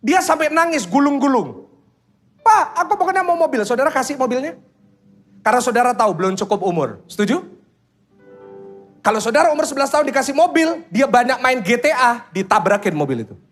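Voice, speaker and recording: A man preaching a sermon as pastor, telling stories, acting out children's voices, and quizzing the congregation with quick questions. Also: very high-pitched, sing-song, a bit bright, soft background music. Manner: storytelling that acts out children's voices.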